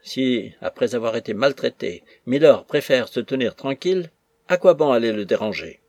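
A blunt, gruff army captain lays down the law in a firm, commanding way, voiced by a male reader. His tone is husky and sits in a middle register. The recording is dry. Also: mid-range voice, animated, moderate pace, darkish tone, no room sound. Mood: scolding.

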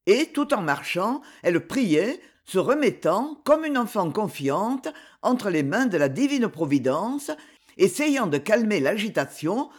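A woman narrating a story in an expressive, melodic reading. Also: mid-range voice, husky. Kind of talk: scripted narration.

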